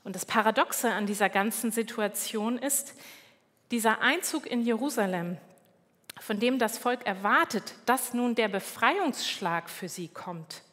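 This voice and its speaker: Slow, measured woman preaching in a reverberant hall. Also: fairly high pitch. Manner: calm, measured, with small slips and self-corrections. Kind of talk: sermon.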